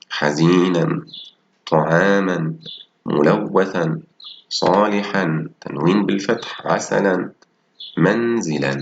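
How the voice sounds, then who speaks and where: A man teaching a primary school Arabic lesson, reading example words slowly and praising his pupils as he goes through textbook exercises. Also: sits low, muffled recording, a little hiss or hum. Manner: slow, drawn-out reading of example words and sentences.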